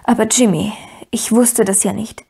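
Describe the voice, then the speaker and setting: A woman's voice: mid-range voice, steady tone, moderate pace, creaky, dark tone, husky. A woman reading an audiobook, voicing a stern, proud older aunt who speaks in a clipped, commanding way. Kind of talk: audiobook character voice.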